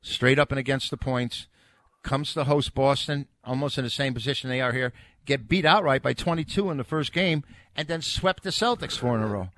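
A man's voice: mid-range voice, brisk, a bit bright, dry recording. Male sports commentator, mid-range voice, opinionated, casual conversational delivery.

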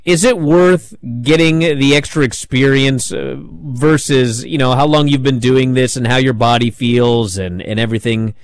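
A man co-hosting an interview, asking lively, rambling questions. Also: medium pitch, clear, resonant tone, no room sound. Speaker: podcast co-host.

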